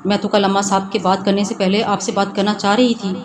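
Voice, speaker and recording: A shy, tearful young wife who begs softly, voiced by a woman. Her voice sits at an ordinary pitch. A clear hiss hangs behind it. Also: little pitch movement, natural voice. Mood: pleading. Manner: pleading, soft. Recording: noisy background hiss.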